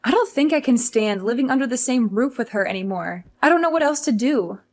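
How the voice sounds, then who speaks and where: Woman voicing a fed-up young wife, highish voice, exasperated and pleading, animated story. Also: a little fast. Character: frustrated young career wife.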